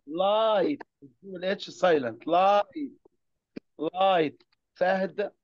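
A man's voice: high-pitched, a little slow, no echo, highs cut off. A man with an Egyptian Arabic accent teaching children English phonics, patiently drilling them one word at a time. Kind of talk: classroom phonics lesson.

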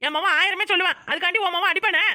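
A hot-tempered village mother from a cartoon, voiced by a woman, with a Kanyakumari Tamil accent. She scolds in a high, bright voice at a quick clip, loud and quarrelsome. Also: fairly even intonation, dry recording, studio quality, exaggerated voice. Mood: quarreling. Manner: shouting, scolding. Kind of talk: cartoon voice acting.

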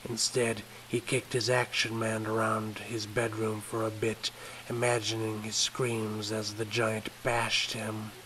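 A man narrating a horror story in a slow, measured, subdued voice. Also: lowish voice, flat delivery, pushed and bright, a little hiss or hum, low-quality recording.

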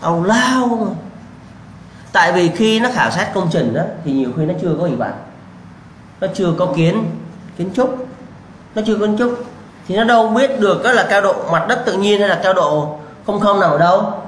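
Young guy teaching, high voice, keeps asking the class then answering himself, kinda blunt, echoey room. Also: a little fast. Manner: quizzing students with rhetorical questions, repeating answers; blunt, scolding warnings. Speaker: civil engineering lecturer. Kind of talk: lecture to students. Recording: echoey room with faint background hum.

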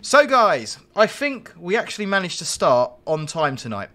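Male stream host, chatty and jokey, fairly high, lively pitch. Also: moderate pace. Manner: chatty, jokey, rambling asides to chat. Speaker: live-stream host and train driver. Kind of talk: live-streamed gameplay commentary.

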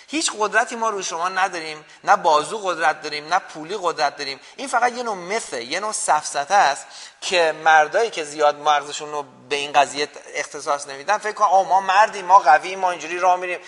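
A man's voice: sits high, bright, forceful tone, big-room sound. A man hosting a call-in show, arguing and lecturing his caller in a heated debate. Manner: argumentative, lecturing.

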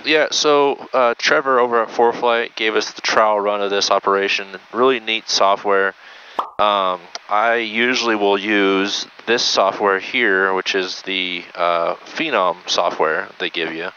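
A man serving as co-pilot, explaining cockpit software in a relaxed, matter-of-fact way over a headset. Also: sits low, highs cut off, a little hiss or hum. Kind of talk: cockpit callouts and casual explanation. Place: jet cockpit. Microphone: aviation headset.

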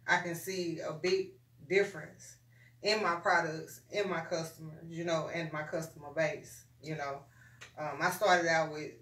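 A woman's voice: fairly low pitch, fairly bright tone. A woman in her forties, a guest soap maker, talking easily about her background with many "you know"s. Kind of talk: casual interview. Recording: echoey room, mic at a distance.

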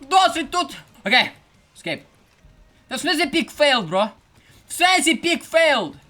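A young man giving casual let's-play commentary, swinging between mumbled asides and shouted outbursts. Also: very high voice, very animated, unhurried. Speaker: gameplay streamer.

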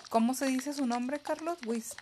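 Excitable young woman streamer. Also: high voice, noisy background. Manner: chatty, excitable, quick laughs. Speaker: streamer playing a mobile game. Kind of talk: casual live-stream chat.

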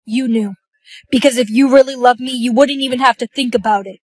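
A woman's voice: on the high side, steady tone, fairly quick, dry recording, clean studio sound. A young woman acting earnest characters in a short melodramatic social video skit. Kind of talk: acted short social video skit, playing several parts.

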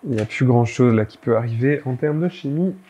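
Nursing a head cold, a young man who makes film photography videos talks casually about developing film at home, stumbling through fillers and restarts. His medium-pitched voice is warm and a bit fast, the audio dull. He starts on a camera mic in a home darkroom corner and moves to a close studio mic in a dim studio room.

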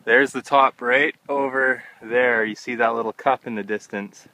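A young man vlogs a hike on a wet, windy mountain trail, narrating casually into a phone held at arm's length. His medium-pitched voice is fairly even and at normal speed, with no room sound, while loud wind and rain make the handheld recording noisy.

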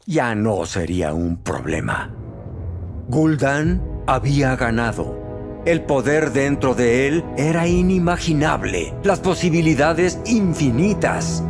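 Man narrating a fantasy audiobook. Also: mid-range voice. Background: faint music.

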